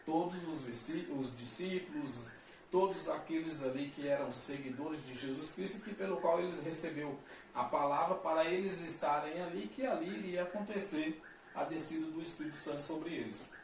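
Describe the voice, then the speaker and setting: A man's voice: a little high, moderate pace. Echoey Brazilian man preaching from afar. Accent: Brazilian Portuguese. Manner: emphatic, repeats phrases, reads verses aloud. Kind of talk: sermon. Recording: echoey, distant mic, faint noise.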